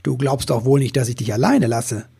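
A man's voice: medium pitch, a little fast, creaky, warm tone, breathy edge. A man voicing a kind, practical female elf in a children's story, caring and a little teasing.

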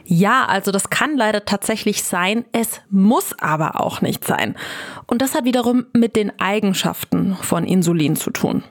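Moderatorin, die ihr Publikum direkt anspricht. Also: female voice, medium pitch, animated, normal speed. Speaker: presenter. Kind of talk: scripted health explainer.

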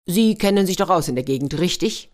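A woman's voice: lowish voice, animated, a little fast, voice pushed up, lightly acted. A woman voicing a formal, gallant male tin soldier who captains a paper boat in a children's story. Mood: courtly. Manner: stiffly polite, commanding.

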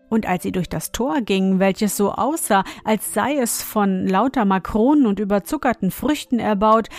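A woman reading a fairy tale aloud to children in a gentle storytelling manner. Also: medium pitch, dry recording.

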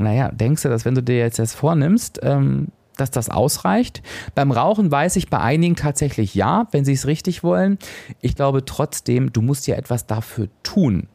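A man's voice: medium pitch, lively intonation, normal speed, vocal fry, mellow, no room sound. A man hosting a solo podcast as a coach, speaking straight to the listener and often adding tag questions.

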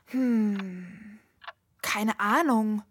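A woman voicing a kind young friend who talks in a gentle, thoughtful way. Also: mid-range voice, very slow, a little hiss or hum. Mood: pondering.

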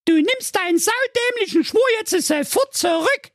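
A man voicing a snippy, bratty young princess in a cheeky falsetto. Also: very animated, measured pace, a bit bright, no room sound, studio quality, full character voice.

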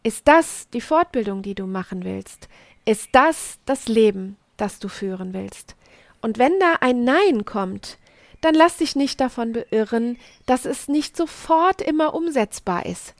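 A middle-aged woman hosting a podcast, giving a slow, emphatic motivational talk and repeating key phrases for weight. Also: on the high side, animated, no room sound. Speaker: podcast host and coach.

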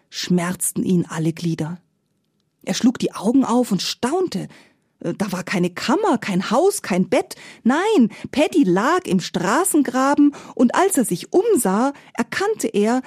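A woman storyteller narrating a fairy tale in a lively, playful way, recorded close and dry. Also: fairly high pitch, breathy edge, no echo.

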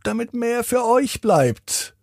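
A friendly talking garden scarecrow from a bedtime storybook, calm and helpful, as a man puts it on. The voice sits far above a normal male register and swings in a sing-song way. It has a gravelly, husky edge. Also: extremely high pitch, slow pace, no echo, studio quality, pitched above the performer's own voice, full character voice.

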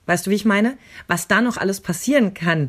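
A woman's voice: mid-range voice, a little fast. A woman in casual chat, telling an emotional personal story with vivid quoted dialogue.

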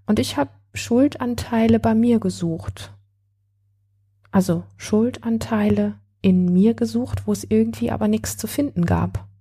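A wounded, bitter woman confiding about her ex-partner, as a woman reads her out in a spoken story. She talks slowly and broods, her voice soft, breathy and mellow. Her bitterness comes through in blunt curses. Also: on the high side. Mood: brooding. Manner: brooding, then bitter and cursing. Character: hurt, angry woman betrayed by her ex-partner. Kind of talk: read-aloud story.

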